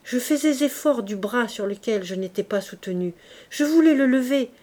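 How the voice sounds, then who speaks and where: A woman reading a classic novel aloud in the first person, with tense dramatic expression that sometimes sinks to a hushed whisper. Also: on the high side, expressive, normal speed. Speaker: audiobook reader.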